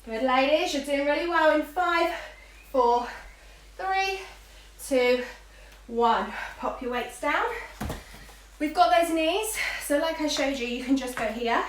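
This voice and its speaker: A woman with a high voice leads a live aerobics class as its fitness instructor, taking her time and leaving long pauses. She gives short, encouraging cues for moves and counts, captured far from the mic in an echoey room with a little noise.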